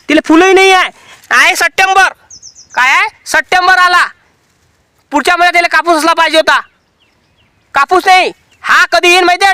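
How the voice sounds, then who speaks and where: A man's voice: very high-pitched, pushed and bright, dry recording. A man, a farmer, making an impassioned protest speech to camera outdoors in a cotton field. He sounds angry and rhetorical and keeps repeating his points.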